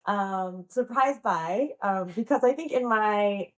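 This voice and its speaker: An American woman, a pole dance instructor and playwright, chats casually as an interview guest, bubbly and giggly with heavy fillers. Her voice is medium-pitched and she takes it slowly.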